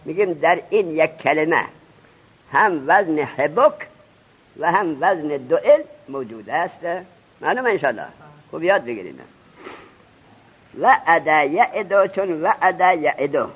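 Husky-voiced man teaching a grammar class. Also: a little high, big pitch swings. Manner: quizzes students with rapid questions. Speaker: religious teacher. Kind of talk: seminary grammar lesson. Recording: dull lo-fi recording.

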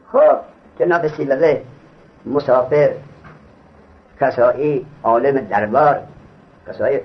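In a classroom lecture, a man teaches Arabic grammar: he reads the text aloud, explains it casually and quizzes his students. His voice is mid-pitched with vocal fry, and the recording is dull and lo-fi.

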